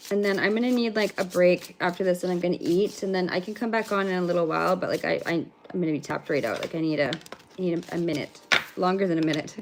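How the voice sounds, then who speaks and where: A woman's voice: fairly low pitch, fast talker, slight background noise. A woman giving a livestreamed spiritual card reading in a rambling, casual way, swearing freely. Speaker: spiritual reader.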